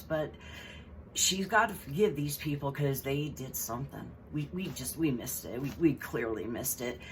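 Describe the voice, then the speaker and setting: A woman's voice: on the low side, slight background noise. A woman giving a sarcastic, exasperated commentary, mocking and ranting as she goes. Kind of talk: casual commentary vlog.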